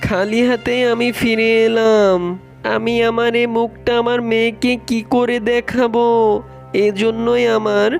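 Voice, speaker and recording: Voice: mid-range voice, flat delivery, measured pace, vocal fry, soft background music. A performer voicing a poor, humble male fox father in a cartoon, speaking in a pleading, sorrowful way. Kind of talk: cartoon voice acting.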